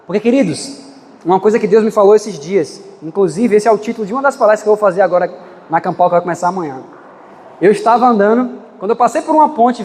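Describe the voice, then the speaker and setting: A man preaches a fiery sermon in a very high voice, swinging between rushed and drawn-out phrases. His voice carries a long reverb, as if filling a big church hall. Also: darkish tone. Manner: impassioned, dramatic swings in pitch and pace.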